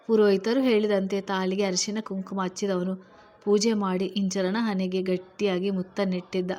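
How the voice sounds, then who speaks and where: A woman's voice: mid-range voice, a little mellow. A woman steadily narrating a serialized novel as the channel's storyteller.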